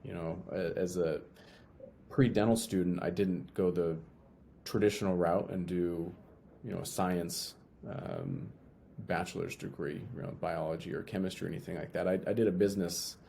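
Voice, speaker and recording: A young man from Utah talks casually as an interview guest, with a low and mellow voice. He often goes back over his words and restarts phrases. A faint hiss of noise sits behind him. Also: normal speed, vocal fry.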